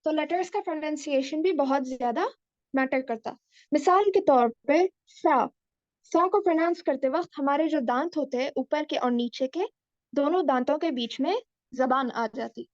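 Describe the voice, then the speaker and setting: A woman teaching Quran recitation in a slow, patient lesson, pausing to demonstrate letter sounds aloud. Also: high voice, no room sound. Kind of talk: slow explanatory lesson mixing Hindi-Urdu and English. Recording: dull lo-fi dry recording.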